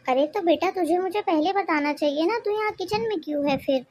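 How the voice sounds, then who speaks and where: A woman's voice: very high-pitched, brisk, a little mellow, no room sound. Fussing mother-in-law. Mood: pleading. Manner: pleading, plaintive scolding. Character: fussing, well-meaning middle-aged mother-in-law. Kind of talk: cartoon story voice acting.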